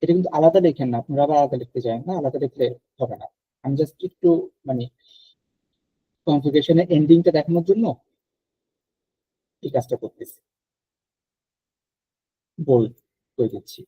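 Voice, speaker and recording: A man leads an online French class, drilling verb endings aloud at a patient pace. His voice is a little husky and sits somewhat high. The sound is dry and dull, like a lo-fi call line. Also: no echo. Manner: explains slowly, drills conjugations aloud. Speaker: French teacher.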